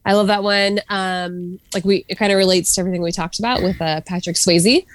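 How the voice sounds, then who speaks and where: A woman's voice: medium pitch, steady tone, a little fast, no room sound. A woman co-hosting a podcast in casual chat, talking loosely with lots of fillers and frequent laughs. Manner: chatty, laughs often, many fillers. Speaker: podcast co-host.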